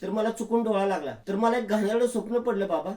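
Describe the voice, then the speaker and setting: A man's voice: high voice, fast talker, mellow, pitched above the performer's own voice, lightly acted. A man voicing a frightened young woman who pleads and wails to her father, recorded with a roomy echo. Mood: frightened, tearful. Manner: wailing, pleading.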